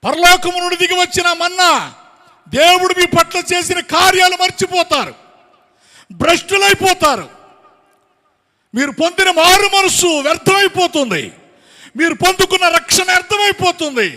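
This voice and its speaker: A man preaching an impassioned sermon to his congregation, firing off rhetorical questions and breaking into shouts. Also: very high voice, moderate pace, pauses often. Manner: addresses the congregation directly. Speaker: pastor. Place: church hall with congregation. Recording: long hall reverb.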